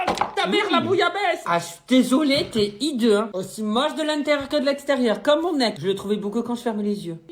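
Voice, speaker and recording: A young woman doing a comic unboxing vlog, crude and excitable, swinging between loud and soft. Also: on the high side, slight background noise. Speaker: YouTuber.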